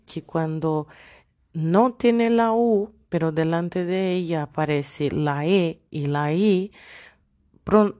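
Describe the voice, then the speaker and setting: A woman gives a Spanish pronunciation lesson. She speaks at a very slow, careful pace in a fairly low voice. She reads example words out one at a time. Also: mellow. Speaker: Spanish teacher.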